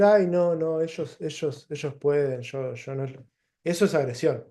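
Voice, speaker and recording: A man with a Rioplatense Spanish accent giving a reflective lecture, pausing and restarting as he works through plain examples. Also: a little high, warm tone. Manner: thoughtful, pauses and restarts, gives plain examples. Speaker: teacher.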